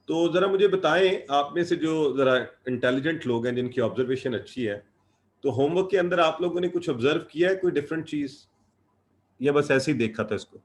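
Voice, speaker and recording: A man teaching an Arabic grammar class. He explains patiently and drills verb forms in slow, repeated lists. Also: fairly high pitch. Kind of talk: online class lecture.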